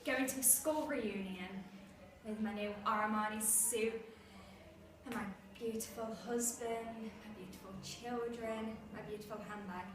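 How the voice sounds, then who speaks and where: A woman performing a monologue as a bitter, defiant bullied schoolgirl, with a measured, scornful delivery. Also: fairly high pitch, fairly even intonation, natural voice. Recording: echoey room, far mic, noisy.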